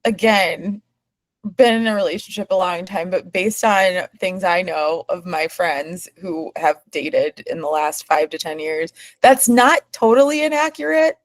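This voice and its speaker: A woman's voice: on the low side, a little slow, no room sound. A woman co-hosting a casual podcast, giving laid-back, thoughtful opinions. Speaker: podcast co-host. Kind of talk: casual recap chat.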